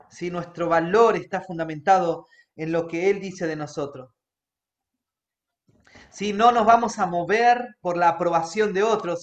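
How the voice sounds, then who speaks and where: A high-voiced man, preaching a sermon in an earnest, personal way. He keeps checking in with his congregation as he talks. The sound is roomy and echoey. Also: a bit bright. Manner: earnest, checks in with the congregation by asking "right?" again and again. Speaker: pastor. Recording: echoey room.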